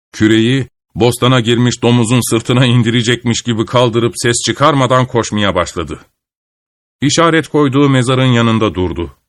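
A man's voice: mid-range voice, no room sound. Man reading a folk tale. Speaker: storyteller.

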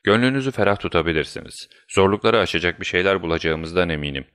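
A man voicing a shrewd, composed male detective who speaks in a measured, commanding way, in a deep voice. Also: expressive, a bit bright, clear, resonant tone.

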